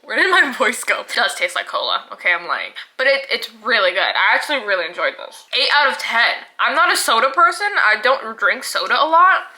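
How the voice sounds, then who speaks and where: A woman's voice: a little high, big pitch swings, brisk, few pauses, bright, forceful tone, poor audio. A young woman reviewing snacks in a casual vlog, chatty and laughing often, filling her talk with "like".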